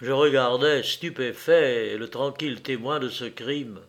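A man narrating a literary story in a measured reading voice. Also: medium pitch, fairly bright tone.

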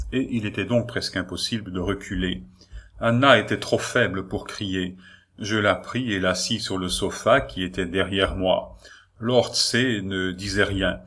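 A man narrating a classic story as an audiobook, in a measured, dramatic manner. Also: on the low side, a bit bright.

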